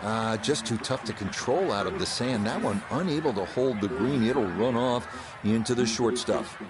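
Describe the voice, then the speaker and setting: A man's voice: mid-range voice, animated, normal speed, background noise. A man calling golf play by play as a commentator.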